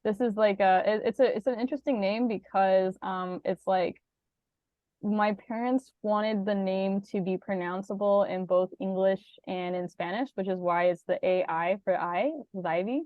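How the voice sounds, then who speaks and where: Woman workshop presenter, video call, slightly dull dry sound, relaxed and filler-heavy. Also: medium pitch, moderate pace, dry recording. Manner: relaxed, many ums, laughs easily. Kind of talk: casual workshop talk.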